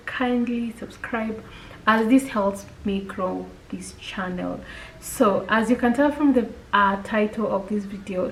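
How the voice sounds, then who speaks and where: A woman from Kenya with a Kenyan accent, chatting casually to camera as a vlogger, often pausing on fillers. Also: mid-range voice, gravelly, a little hiss or hum, rough recording. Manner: chatty, with frequent filler pauses.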